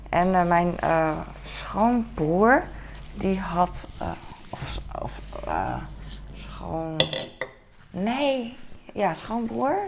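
Gravelly Dutch-speaking woman rambling at home. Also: fairly low pitch, slight background noise. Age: adult with a son. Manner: rambling, many fillers, talks to herself. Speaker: vlogger. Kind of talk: casual chat to camera. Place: home kitchen. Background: dishes and cutlery clatter.

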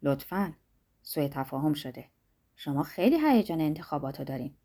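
A woman reading the lines of an earnest young male student who answers softly and insistently. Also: deep voice, expressive, pitched below the performer's own voice. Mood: calm, placating.

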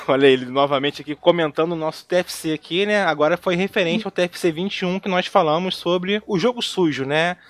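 High-pitched Brazilian man, close and dry. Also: a little fast, no echo. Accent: Brazilian Portuguese. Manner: joking, colloquial, peppered with tag questions. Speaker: podcast host. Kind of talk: casual football podcast chat.

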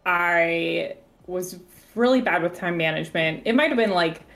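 A woman guesting on a podcast, chatting in a relaxed way and pausing often to search for words. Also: fairly low pitch, creaky. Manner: relaxed, halting with fillers. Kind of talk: casual chat.

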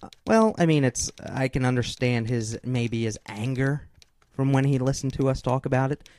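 Man, podcast co-host, mid-pitched, hesitant, thinks aloud, casual. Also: normal speed, a little mellow, no room sound. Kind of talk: casual chat.

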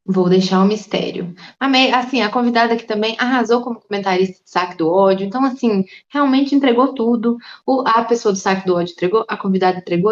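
A woman co-hosting a podcast, animated and casual, with the odd swear word. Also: medium pitch. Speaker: podcast co-host. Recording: dull lo-fi mic.

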